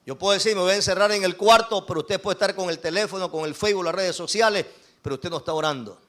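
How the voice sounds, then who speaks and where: A man preaching an evangelical sermon to his congregation in Ecuadorian Spanish, swinging between loud calls and quiet asides. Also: high voice, fast. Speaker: apostle preaching to his church.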